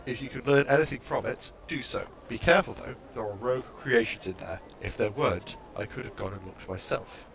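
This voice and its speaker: A man voicing an ancient, trembling, awed female servile creature in a game, reading her lines slowly and reverently. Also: medium pitch, creaky, a bit bright. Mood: earnest. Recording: muffled lo-fi mic with background noise.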